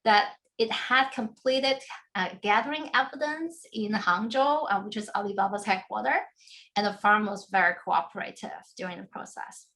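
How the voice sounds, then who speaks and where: A woman law professor giving a book talk with slides, explaining in a measured way and often checking in with "right?". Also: mid-range voice, fairly bright tone. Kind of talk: academic lecture with slides.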